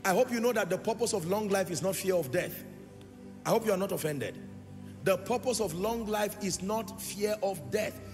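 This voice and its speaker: A man preaching a sermon to a congregation in a large church. His delivery swells into sing-song phrases and sudden loud rises, and he keeps asking the congregation questions. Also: high voice, normal speed. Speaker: pastor. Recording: long hall reverb with music behind.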